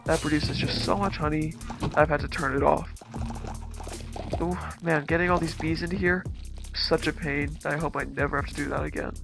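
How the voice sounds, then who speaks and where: A man speaking through a voice changer as he hosts a relaxed, easygoing tour of his game world. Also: on the high side, normal speed, vocal fry. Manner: laid-back, easygoing, talks while touring his builds. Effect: voice changer disguising his voice. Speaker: gaming channel host. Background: background music.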